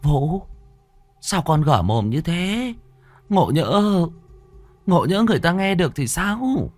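A man's voice: mid-range voice, sing-song, a little fast, mellow, faint music behind, voice pushed up. A man voicing a frightened middle-aged mandarin's wife, speaking in a raised, anxious, pleading voice.

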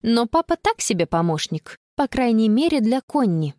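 A woman narrating a children's audiobook in an expressive storytelling voice. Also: fairly high pitch, moderate pace, dry recording, clean studio sound.

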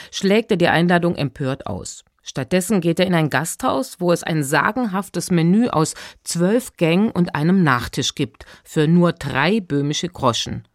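A woman reads a scripted summary as a radio announcer with a calm, informative delivery. Her voice sits fairly low for a woman, and the sound is dry and close. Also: no room sound.

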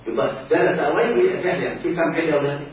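A man's voice: a little high, steady tone, quick pace, heavy reverb. Man, Egyptian accent, grammar teacher, quizzing students, dull far-off mic, faint hiss. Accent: Egyptian Arabic. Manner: quizzes students constantly, asking whether they follow. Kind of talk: classroom grammar lesson. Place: classroom.

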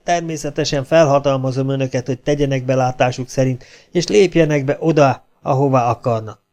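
A man's voice: mid-range voice, a little mellow, faint music behind, lightly acted. A man reading an audiobook, voicing a fussy, formal chief physician of an asylum. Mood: relieved.

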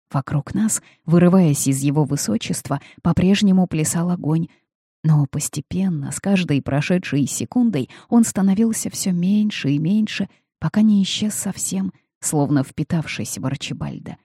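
A calm, measured audiobook narrator reading a first-person story. The voice is mellow and slightly husky, recorded dry and close with no room around it. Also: mid-range voice, no echo.

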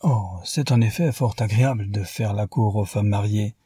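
A man's voice: on the low side, normal speed, dark tone, husky, dry recording, clean studio sound. A man voicing a silly young English lord in an audiobook, with a foolish, blunt manner. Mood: simpering.

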